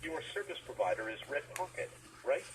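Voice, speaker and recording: A man's voice: on the high side, expressive, a little fast, far from the mic. A man's voice in a recorded phone message, reading automated prompts over a speakerphone. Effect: recorded phone message played over a speakerphone. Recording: noisy speakerphone from across the room.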